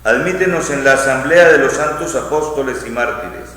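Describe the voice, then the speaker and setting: A man, a bishop reciting the Eucharistic prayer in a measured, phrase-by-phrase liturgical delivery. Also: medium pitch, sharp tone. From Colombia. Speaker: bishop celebrating Mass. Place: large church. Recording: echoey church with long reverb.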